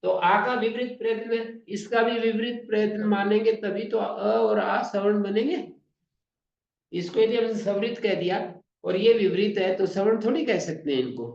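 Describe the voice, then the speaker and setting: A man teaching Sanskrit grammar in a classroom lecture, slowly explaining and sounding out pronunciations as examples. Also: high voice, creaky, a little mellow. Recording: echoey room, dull lo-fi sound.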